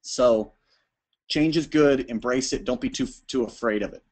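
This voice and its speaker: A man presenting a webinar to app builders, talking fast and energetically with frequent restarts and ums. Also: mid-range voice, a little mellow. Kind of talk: informal talk to users.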